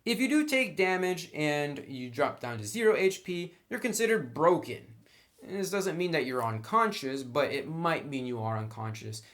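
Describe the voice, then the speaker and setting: Addressing viewers directly, this game reviewer explains a tabletop title one step at a time in a relaxed, instructional tone. He speaks at a moderate pace in a fairly high, expressive voice that's a bit bright.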